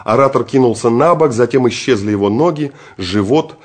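Male audiobook narrator, measured. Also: mid-range voice. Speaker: audiobook reader. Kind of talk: scripted literary narration.

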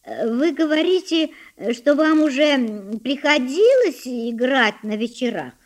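A woman voicing a shy, kind-hearted young girl who speaks hesitantly and gently. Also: very high-pitched, sing-song, unhurried, voice pushed up, exaggerated voice.

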